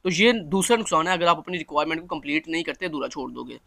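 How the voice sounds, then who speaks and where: A man's voice: a little high, animated, quick pace, gravelly, pushed and bright, no room sound, studio quality. A Pakistani man lecturing on a course topic, explaining step by step, repeating points and addressing listeners as friends.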